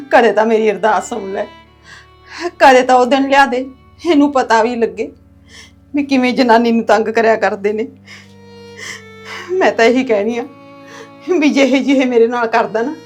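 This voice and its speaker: An actress playing a mistreated wife in a comedy web series, tearfully praying to God for help. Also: female voice, a little high, darkish tone, close to an everyday voice. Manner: pleading prayer.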